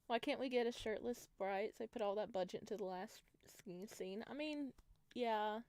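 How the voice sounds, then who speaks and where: A woman's voice: a little high, moderate pace, darkish tone, clear, resonant tone, dry recording. A woman let's player reading visual novel narration aloud and breaking off into casual commentary. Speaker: let's play streamer. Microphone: wearing headphones.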